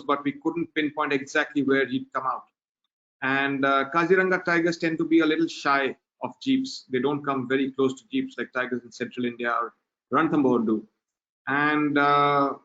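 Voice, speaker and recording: A man presenting a wildlife photography webinar, talking in a relaxed, unhurried way with many filler pauses over a video call. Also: mid-range voice. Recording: dull lo-fi webinar audio.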